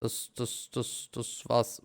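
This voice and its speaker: A man's voice: takes it slowly, faint music behind. A man streaming a video game, giving casual live commentary to his viewers.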